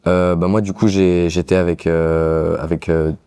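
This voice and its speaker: Low, mellow young Parisian man. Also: flat delivery, measured pace, clean tone. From Paris, France. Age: young adult. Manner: hesitant, many fillers. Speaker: carpenter guest. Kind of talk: casual interview answers.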